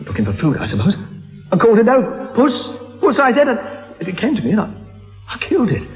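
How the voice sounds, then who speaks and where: An actor playing a deranged, taunting killer, rambling and repetitive with a childish, volatile menace. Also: male voice, sits high, wildly swooping pitch, brisk, full character voice. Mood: unhinged, gloating. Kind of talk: melodramatic film thriller acting. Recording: echoey hall, dull lo-fi, music behind.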